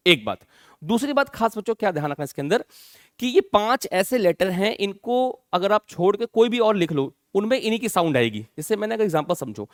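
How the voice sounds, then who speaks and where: A male English teacher with an Indian accent lecturing students in Hindi mixed with English. He keeps calling them "children" and asking check questions, and he dictates definitions slowly, word by word. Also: high-pitched, animated, no room sound, studio quality. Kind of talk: classroom lecture.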